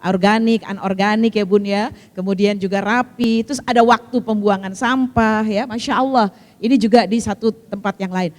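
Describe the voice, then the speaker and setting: An older woman religious teacher giving a lively talk to a women's study group, telling stories and acting out the voices of the people in them. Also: mid-range voice, normal speed. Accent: Indonesian. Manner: lively storytelling, acts out quoted voices, laughs often. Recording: reverberant hall.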